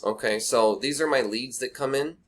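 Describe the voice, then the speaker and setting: A man's voice: medium pitch, moderate pace. Casual tutor type, a man with a mid-range voice, talks bluntly to camera through a cheap webcam mic. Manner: blunt, rambling, talks to viewer directly. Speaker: online marketing instructor. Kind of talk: casual screen-recorded tutorial.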